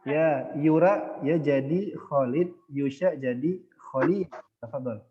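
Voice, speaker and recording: A man's voice: fairly high pitch, slow, in a large hall, dull audio. A male teacher running an online Arabic lesson, patient and adding a short "ya" after most phrases.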